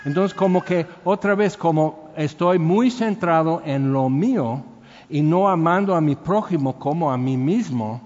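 A Mexican man preaching a sermon, lively and joking as he acts out everyday scenes. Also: a little high, unhurried. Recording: dull audio with long hall reverb.

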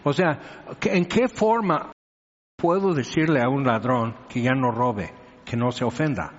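Preacher in a reverberant hall. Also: male voice, mid-range voice, lively intonation, normal speed, husky. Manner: conversational, teasing, asks the listeners questions. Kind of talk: sermon. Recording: reverberant hall, dull lo-fi sound.

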